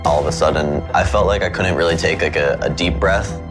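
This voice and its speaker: Young guy with a super deep voice, talking slow and halting about being sick, music under it. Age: young adult. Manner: halting, searching for words. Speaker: patient. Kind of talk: interview.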